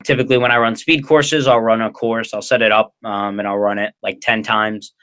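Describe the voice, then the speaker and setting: A man's voice: on the low side, little pitch movement, fairly quick, fairly bright tone, smooth. A young man with an American accent, answering casually as an interview guest in a hesitant, rambling way. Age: young adult. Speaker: interview guest, ninja athlete and coach.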